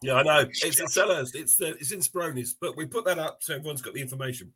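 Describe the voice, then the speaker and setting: A man's voice: on the high side, fast, bright, forceful tone, husky, rough recording. A man hosting a fan podcast in a friendly, chatty way, losing his voice a little. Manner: friendly, chatty, many fillers. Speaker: podcast host. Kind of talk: casual podcast chat.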